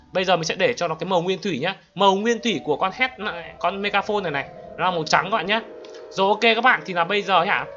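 Young man, gameplay commentator, chatty and excitable, high voice, music under him. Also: dull audio. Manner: chatty, excitable, exclaims loudly. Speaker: gaming YouTuber. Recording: music playing behind the voice.

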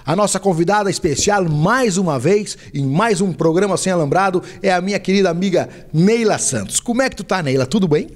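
A man's voice: sits high, fairly quick, hardly any pauses. A middle-aged man with a southern Brazilian gaúcho accent, hosting a TV show and chatting with a guest. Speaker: TV show host. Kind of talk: conversational interviewing. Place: small indoor TV studio. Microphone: handheld microphone.

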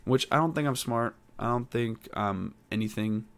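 A young man hosting his own podcast alone, talking in a rambling, hesitant way with many pauses and fillers. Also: medium pitch, creaky, a bit bright. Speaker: podcast host. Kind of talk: casual solo podcast monologue.

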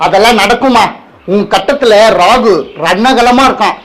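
Guy doing a sketchy fake astrologer, high voice, solemn and wheedling, a swindler. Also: normal speed, a bit bright, low-quality recording. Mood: mock-solemn. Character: fake male astrologer, smooth-talking swindler. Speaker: comedy sketch actor. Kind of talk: comedy skit acting.

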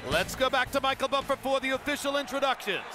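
An American man calling a fight as live television commentary, with emphatic, measured phrasing. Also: very high voice, expressive, music in the background. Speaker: boxing commentator. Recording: loud arena noise behind broadcast commentary.

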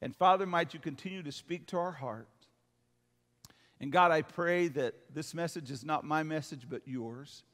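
Preaching from the stage with long hall reverb around him, an older pastor speaks to his congregation at normal speed in a slightly high, fairly bright voice. His delivery is folksy and emphatic, and he keeps looking for amens.

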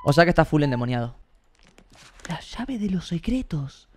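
Excitable young gaming streamer. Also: male voice, fairly high pitch, moderate pace, slight background noise. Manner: excitable, joking, swearing. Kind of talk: casual let's-play commentary.

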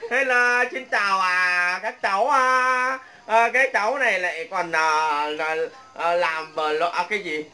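A woman's voice: medium pitch, unhurried, few pauses, sharp tone. An older woman hosting a casual livestream vlog, chatting and greeting viewers by name. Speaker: vlog host.

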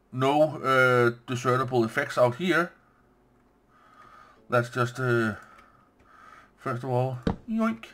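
A man giving casual let's-play commentary on his game, playful and quick to gush with delight. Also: mid-range voice, a bit bright, slight background noise. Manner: playful, gushes with delight, says "yoink" and "bam". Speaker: gameplay commentator.

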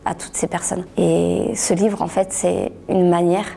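A middle-aged woman gives a personal testimony in an interview, her low voice heavy with gravel and a dark, mellow tone. She talks haltingly, restarting words and sometimes sinking almost to a whisper. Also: flat delivery. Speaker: author giving a testimony.

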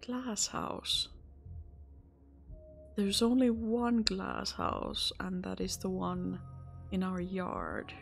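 A woman's voice: medium pitch, slow pace, creaky, soft background music. A woman streaming a video game, reading its text aloud and commenting expressively. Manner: expressive, reacts out loud.

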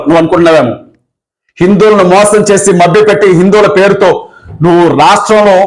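A man's voice: high-pitched, rough recording. A man giving a fiery, confrontational political speech, firing off accusing rhetorical questions. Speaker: activist leader.

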